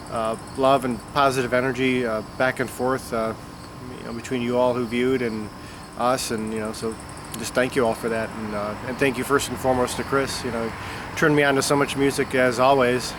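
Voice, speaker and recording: A congested, stuffed-up man from the Chicago area talks in a medium pitch, rambling with lots of fillers as he chats about music. He's a record-collecting vlogger speaking unscripted to the camera outdoors on a summer afternoon, with insects and traffic audible behind him.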